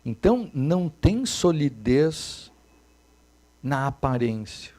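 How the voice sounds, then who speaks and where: A man, giving a Buddhist dharma talk as a meditation teacher, moving between soft and emphatic speech. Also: mid-range voice, sing-song, takes it slowly.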